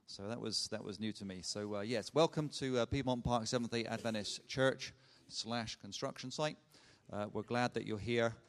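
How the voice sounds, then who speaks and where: A man's voice: lowish voice, moderate pace. A man giving church announcements to a congregation, hesitant with many filler sounds and light humor. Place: church sanctuary. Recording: echoey church hall.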